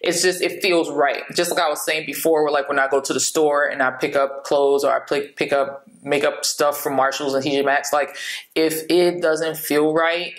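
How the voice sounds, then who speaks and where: A woman in her late thirties with a low voice talks openly and casually to her camera, chatty and frank, laughing easily. The sound bounces around a small room at home. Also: reverberant, rough recording. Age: 30s. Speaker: beauty vlogger.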